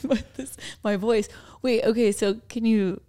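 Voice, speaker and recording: A young woman with a raspy, gravelly voice co-hosts a podcast, chatting casually in a playful, animated, teasing way. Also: on the high side, measured pace. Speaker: podcast co-host.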